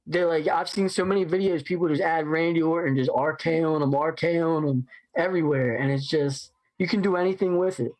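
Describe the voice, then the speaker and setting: A man co-hosting a casual watch-along, speaking enthusiastically and piling up one quick example after another. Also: fairly high pitch, fairly even intonation, darkish tone, rough recording.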